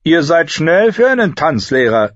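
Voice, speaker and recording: A man's voice: on the high side, very animated, unhurried, no room sound, pitched above the performer's own voice. A man playing an arrogant commanding knight. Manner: clipped, commanding. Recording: dull lo-fi recording.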